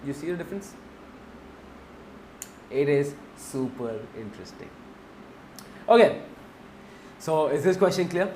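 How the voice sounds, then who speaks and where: A man's voice: on the high side, expressive, a little slow, pauses often, darkish tone, roomy sound, slight background noise. A man with an Indian accent teaching a finance class, mixing Hindi into his English, repeating key points and asking the class questions.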